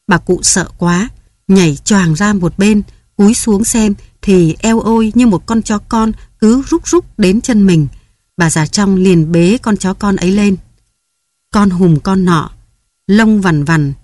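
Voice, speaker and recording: Low-voiced woman reading a story. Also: no echo. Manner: steady, even storytelling reading. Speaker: narrator. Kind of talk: audiobook narration.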